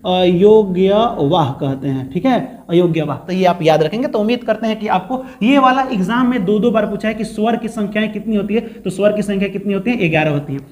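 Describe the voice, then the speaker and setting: A man's voice: high voice, brisk, few pauses, a little mellow. A male teacher, giving a step-by-step grammar lesson to students and answering his own questions as he goes. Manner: explains step by step, asks questions and answers them.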